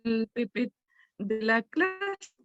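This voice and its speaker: A woman's voice: fairly high pitch, lively intonation, music in the background. Woman on a choppy, breaking-up video call. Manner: hesitant, halting with fillers. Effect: choppy, breaking-up video call audio. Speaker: student. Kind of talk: speaking up in an online class. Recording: dull, dry video call audio.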